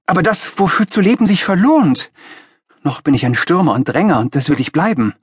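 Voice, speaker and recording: A man's voice: fairly high pitch, big pitch swings, a little slow, breathy edge, no echo, studio quality, voice pushed up, heavily acted. A man voicing an earnest, idealistic young man who speaks with passion and a raised voice in an audiobook reading. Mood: impassioned. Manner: impassioned, raised voice.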